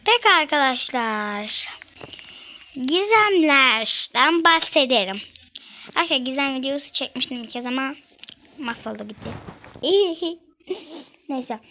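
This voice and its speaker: A young girl with a high, light voice chats casually to her viewers while she plays a game. She talks in a giggly, rambling way, straight to the audience. A faint hiss of noise sits under her voice. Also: expressive, moderate pace, long pauses, pushed and bright, rough recording. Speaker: gaming vlogger.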